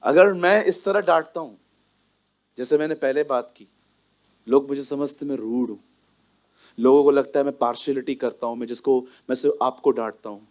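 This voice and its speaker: A male pastor preaching a sermon in a church hall, animated and emphatic, often slipping English phrases into his talk. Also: medium pitch, moderate pace.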